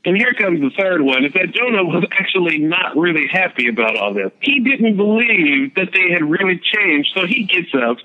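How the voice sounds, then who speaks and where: A man walks through Bible stories in a relaxed podcast chat, explaining each point as he goes. His voice sits a little high. The sound is muffled and lo-fi. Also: normal speed, few pauses. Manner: storytelling, explaining, laid-back. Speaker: podcast host. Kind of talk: casual Bible discussion podcast. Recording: dull lo-fi recording.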